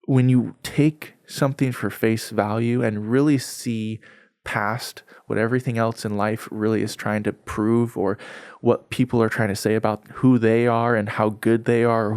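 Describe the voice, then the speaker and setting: A man's voice: fairly low pitch, clear, resonant tone, no room sound, studio quality. A young adult man, a podcast guest, telling his personal faith story in an earnest, heartfelt, conversational way, often saying "like".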